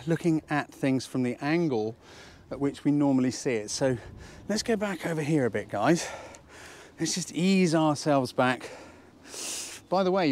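British man with a squeaky, cold-affected high voice. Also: darkish tone. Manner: chatty, jokey, asks rhetorical questions. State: has a cold. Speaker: photography instructor and presenter. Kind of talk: casual instructional talk to camera. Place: outdoors at a waterside harbour slipway.

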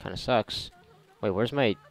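A man with a lowish voice talks at an unhurried pace, rambling casually through gameplay commentary that's sarcastic and full of swearing. He's a gamer narrating his play, with the game's music and sound effects running underneath.

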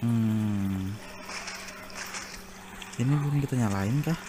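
A man's voice: fairly low pitch, takes it slowly, music in the background. Chatty man commenting on gameplay. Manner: chatty, exclaims at jump scares. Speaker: gaming YouTuber.

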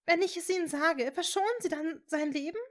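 A woman voicing a sobbing, desperate young witch. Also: brisk. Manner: high, sobbing, pleading.

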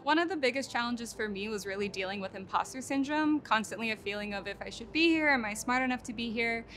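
Bright-voiced young woman, candid testimonial. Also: a little high, fast talker, slight background noise. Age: young adult. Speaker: graduate student. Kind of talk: interview testimonial. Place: outdoors by campus building.

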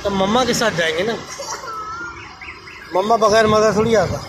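A man from Pakistan walking with his young daughter, gently pointing things out and explaining them to her. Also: high voice, moderate pace. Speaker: father vlogger. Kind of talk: casual talk to his daughter on a walk. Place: busy city street outdoors. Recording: loud street traffic noise. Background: loud traffic.

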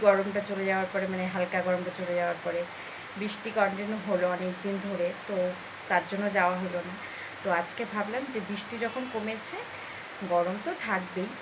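A young woman from Bengal talks straight to her viewers about her day at home, in a chatty vlog style. Her voice sits at an ordinary middle pitch. A clear hiss of noise runs under the phone recording. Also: lo-fi sound. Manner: chatty, addresses viewers directly, explaining household chores. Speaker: vlogger. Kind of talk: casual home vlog narration. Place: small home.

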